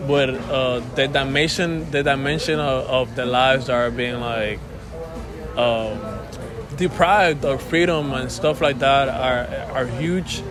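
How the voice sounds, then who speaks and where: Speaking slowly in a mid-range voice, a young man born and raised in Cuba guests on a casual interview. He is a musician whose talk rambles with restarts, and he keeps calling the host bro.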